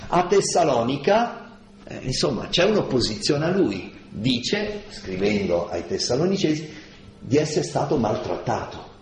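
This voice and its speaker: A man giving a slow, deliberate lecture on scripture, stressing key words and asking rhetorical questions. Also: medium pitch, very animated, a little mellow, slight background noise. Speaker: lecturer on Paul's letters. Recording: echoey room with faint ambience.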